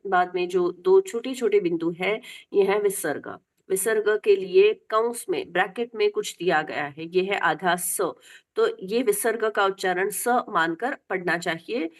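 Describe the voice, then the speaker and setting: A woman teaching the chanting of a Sanskrit hymn, singing each line slowly and then explaining pronunciation patiently. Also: medium pitch. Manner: drawn-out, deliberate chanting with repetition. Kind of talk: slow chanting lesson.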